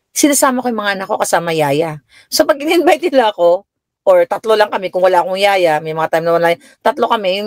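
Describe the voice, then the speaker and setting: Chatty middle-aged woman, dry close mic. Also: dry recording. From Philippines. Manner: chatty storytelling, jumps higher when quoting herself. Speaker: live-stream host answering viewers. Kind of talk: casual live-stream chat. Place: home in the United States.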